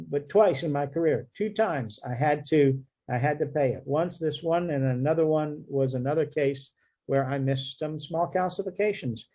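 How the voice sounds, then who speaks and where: A man's voice: a little high, darkish tone. A man, a radiologist, giving a medical lecture in a joking, conversational way, often checking in with "okay?". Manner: jokey, conversational, frequent "okay?" check-ins.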